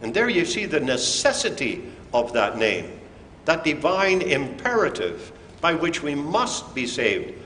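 A pastor giving a communion sermon in a church, preaching in a slow, deliberate and emphatic way. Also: male voice, fairly high pitch, sing-song, bright, forceful tone. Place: church sanctuary. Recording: echoey church hall with faint room noise.

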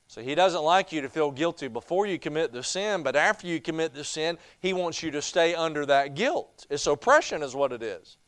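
A man's voice: on the high side, lively intonation, fairly quick, few pauses, fairly bright tone, smooth, dry recording. A man teaching a church Bible study, telling stories in a folksy way. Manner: folksy storytelling. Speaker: pastor.

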